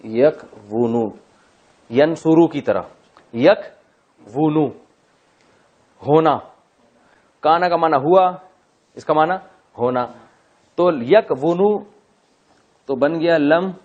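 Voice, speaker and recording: A man leads a classroom lesson on Arabic grammar, dwelling on each word as he recites it slowly and breaking in with humorous asides. His voice sits a little high for a man, and the recording is dull and muffled. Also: darkish tone. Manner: drawn-out, deliberate recitation of Arabic words, joking asides. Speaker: Quran teacher.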